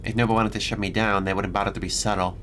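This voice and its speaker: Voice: low voice, flat delivery, racing, a bit bright, slight background noise. A streamer giving casual, wry playthrough commentary and reading game text aloud, with irreverent asides. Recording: music playing behind the voice.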